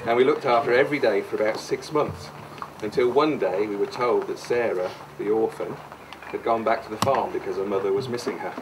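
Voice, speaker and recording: Speaking fairly quickly with few pauses in a lowish voice, this man is the bride's brother giving a wandering wedding speech in the style of a best man. It's full of jokes and mock sincerity with frequent digressions, recorded live from a distance in a noisy reception room.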